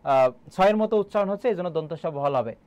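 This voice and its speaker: A man's voice: fairly high pitch, lively intonation, quick pace, darkish tone, dry recording. A young man teaching an online exam-prep class, quizzing students and repeating key answers, with frequent filler sounds.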